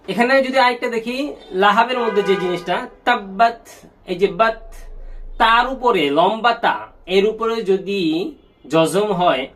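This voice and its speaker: A man with a high, slightly bright voice gives an online Quran recitation lesson. He poses his own questions, answers them, and slowly chants sample words.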